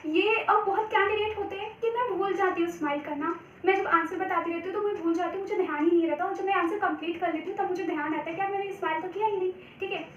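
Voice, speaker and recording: Young woman, Indian accent, very high voice, casual vlog advice, roomy echo, faint background hiss. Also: quick pace, hardly any pauses, recorded from a distance, lo-fi sound. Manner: chatty, repeats "theek hai" often; switches between Hindi and English. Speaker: vlogger giving cabin crew interview tips. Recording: echoey room, voice off-mic.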